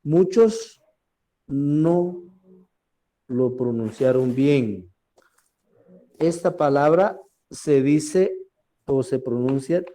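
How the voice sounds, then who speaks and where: Slow, dark-voiced man teaching a class. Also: mid-range voice. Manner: slow, repeats words and asks "¿verdad?" often; clears his throat often. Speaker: language teacher. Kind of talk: recorded language class.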